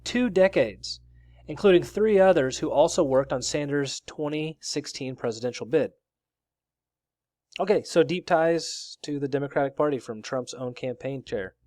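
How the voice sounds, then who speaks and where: A man's voice: on the high side, moderate pace, a little mellow, no echo. Casual male news commentator, dry sound. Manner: conversational, reads out article excerpts with asides.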